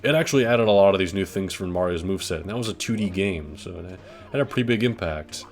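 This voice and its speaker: A man with a low voice talks through a video game as a let's play host. His commentary is casual and conversational, wandering into asides, with game music playing clearly behind him. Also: expressive, fast.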